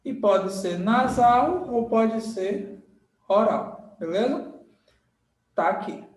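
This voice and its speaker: A man's voice: high voice, slow pace, recorded from a distance. A male teacher gives a grammar lesson at a board. He repeats words and checks in often to make sure the class follows. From Brazil. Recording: echoey room, voice off-mic.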